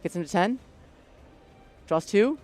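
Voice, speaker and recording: A man commenting live on a card game tournament at a convention centre, bursting with excitement. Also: high voice, unhurried, faint music behind. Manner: excitable, breathless bursts of hype.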